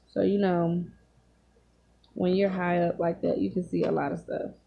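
Lady doing story time while eating, mouth full, croaky husky voice, casual phone vlog. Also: lowish voice, level tone, lo-fi sound. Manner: talking with mouth full, pausing to chew. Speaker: vlogger. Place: small home room, indoors. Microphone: phone at arm's length.

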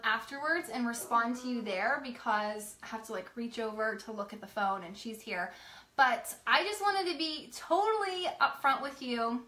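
A woman's voice: a little high, sharp tone. A young woman in casual chat with her viewers, telling stories and laughing as she talks at home with a toddler nearby. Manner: chatty, laughing, retells stories with quoted voices. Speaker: vlogger. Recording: echoey room, faint background hum.

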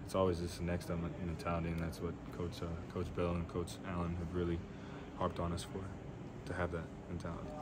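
A man's voice: low voice, monotone, brisk, heavy background noise. A young man, a college quarterback, answering reporters' questions after a game, plain-spoken with many fillers, in a weight room. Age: young adult. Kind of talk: postgame press Q&A. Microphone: handheld reporter mics.

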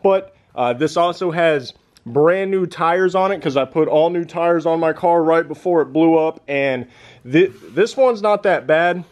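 A man vlogging about his car build in excited, rambling, slangy casual talk. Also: on the high side, unhurried. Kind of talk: casual vlog commentary.

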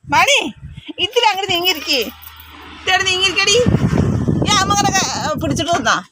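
A woman's voice: extremely high pitch, expressive, quick pace. A woman, vlogging on a phone at a veterinary hospital and coaxing her dog in sing-song baby talk. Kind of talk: casual pet-talk vlog. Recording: loud background noise, dogs and traffic.

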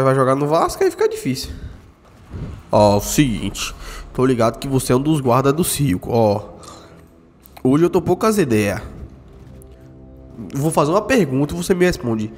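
A man, doing animated game roleplay full of slang and tough-guy banter. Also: on the high side, fairly quick. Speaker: gamer doing roleplay as a gorilla's son. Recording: reverberant with faint background music.

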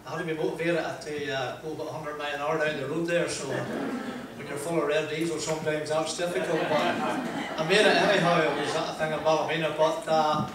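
Telling a rambling story at his own expense, an older Northern Irish motivational speaker addresses a seated audience in a large wood-panelled function room, his slightly high voice holding a steady tone. Chatty, he drops frequent "uh" pauses and laughs. His handheld mic is captured from afar in the echoing room, with a crowd audible behind him.

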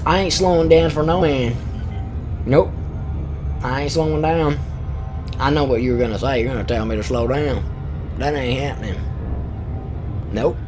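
A man streaming a space game live, excitable, cursing and yelling at the game as he plays. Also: medium pitch, moderate pace, long pauses, music in the background. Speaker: gaming streamer. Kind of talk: live gameplay commentary.

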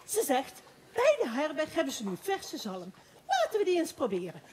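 Woman plays a high, lively, giggling gossip who rambles on breathlessly; amateur stage play with faint noise. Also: moderate pace. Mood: excited gossip. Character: excitable gossiping woman townsperson.

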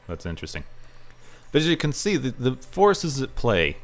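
Deep-voiced young male gaming host, chatty and self-deprecating, voice worn thin. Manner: rambling, self-deprecating, explains at length. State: losing his voice. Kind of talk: casual gameplay commentary.

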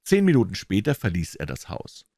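Calm, gravelly male narrator. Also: dry recording, clean studio sound. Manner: low, calm, measured narration. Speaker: audiobook reader. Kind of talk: storytelling narration.

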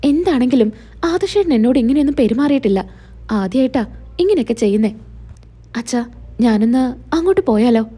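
A woman voicing a worried young wife who pleads anxiously, in a lively, mellow voice. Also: on the high side, quick pace, long pauses, slightly rough.

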